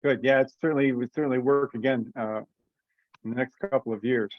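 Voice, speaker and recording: Through dull, lo-fi teleconference audio without echo, a man presents the rules for an event he's organizing, talking casually and hesitating as he thinks aloud. His medium-pitched voice is fairly quick with fairly even intonation.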